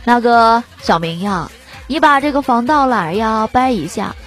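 A stern head teacher barks orders in a loud, bossy voice, as a woman puts him on within a comic story. The voice pushes hard and fills the line with force. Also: a little high, expressive, unhurried, soft background music. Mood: sheepish.

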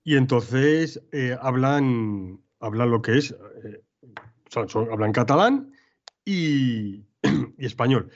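A man's voice: medium pitch, animated, slow pace. A man hosting a podcast, leading a casual film chat and speaking emphatically, repeating words. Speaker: podcast host. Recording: dull lo-fi sound.

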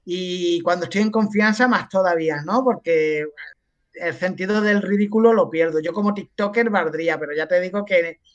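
A man's voice: high voice, normal speed, muffled recording. A man with an Andalusian Spanish accent, a podcast guest telling anecdotes in casual chat and acting out the voices of the people he quotes. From Andalusia, Spain.

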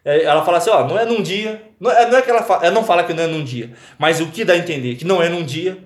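A man retells a story in a loose, slangy, animated way, with his words tumbling out quickly. His voice sits a little high. The room around him is echoey. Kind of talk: casual chat.

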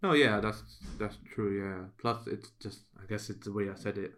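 A man's voice: on the low side, normal speed, fairly bright tone. A man co-hosting a casual spiritual podcast, laid-back with dry, understated replies. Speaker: podcast co-host.

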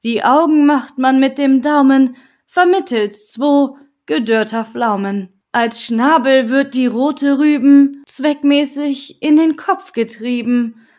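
A woman reads rhyming storybook verse for bedtime in a calm, rhythmic way. Her voice sits fairly high, and she takes her time, letting each line unfold slowly. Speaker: audiobook reader.

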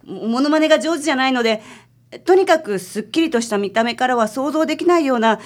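In a radio drama, a woman plays a timid married client seeking a detective's help, anxiously recounting her situation in a polite, hesitant, apologetic way. Her high voice is animated and fast.

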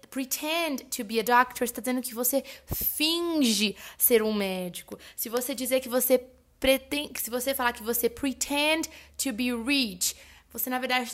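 A Brazilian woman with a Brazilian Portuguese accent, hosting a podcast lesson. She explains in a chatty way, often checks in with her listeners, and says example words slowly and carefully. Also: high-pitched, fairly bright tone. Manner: chatty, addresses listeners as "gente", frequent "né?" and "tá bom?". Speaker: English teacher and podcast host.

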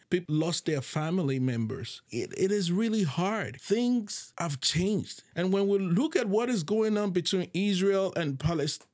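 A man giving a solo podcast reflection on pain and faith, earnest and halting, often repeating words as he searches for what to say. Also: a little high, a little mellow. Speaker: podcast host. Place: living in Japan.

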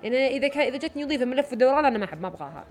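A woman's voice: high-pitched, expressive, very fast, darkish tone. A young woman with a Saudi Arabic accent giving frank, direct advice in a chatty monologue, with fillers and restarts. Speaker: vlogger giving job interview advice.

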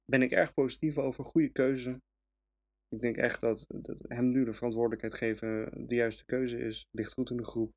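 A man's voice: medium pitch, flat delivery, normal speed, darkish tone. A man from the Netherlands giving an opinionated, emphatic match review as a fan podcast host, with frequent hesitations. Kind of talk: casual match review monologue.

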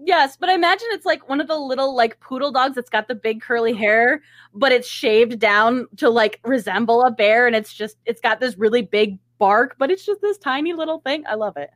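Woman podcast co-host, high-pitched, giggly and eager, dry close recording. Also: fairly quick, no echo. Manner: enthusiastic, giggly. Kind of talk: casual chat.

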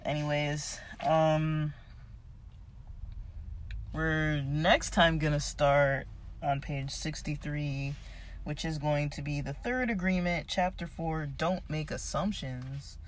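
Casual book reflection, voice giving out, unhurried and hesitant delivery, some background noise on a phone recording. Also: mid-range voice, fairly even intonation. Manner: hesitant, halting, thinking aloud. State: losing voice, voice giving out. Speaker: reader discussing a self-help book.

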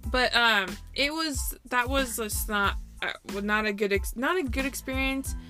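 Rambling bright young woman guest. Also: a little high, normal speed, faint music behind. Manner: rambling, many fillers and restarts, giggly. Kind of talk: casual chat.

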